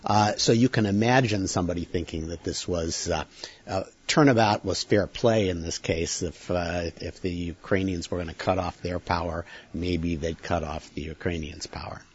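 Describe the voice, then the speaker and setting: Podcast host, male, low voice, halting delivery, dull lo-fi sound. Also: fairly even intonation, slightly rough. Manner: halting, many uh fillers. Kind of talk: casual podcast chat.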